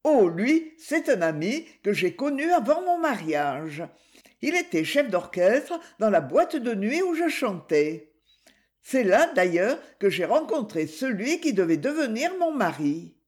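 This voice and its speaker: A woman's voice: fairly high pitch, sing-song, unhurried, darkish tone, voice pushed up. A woman reading aloud, voicing a young divorced woman, a former nightclub singer, in a raised, pleading voice. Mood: explaining. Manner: pleading, emotional.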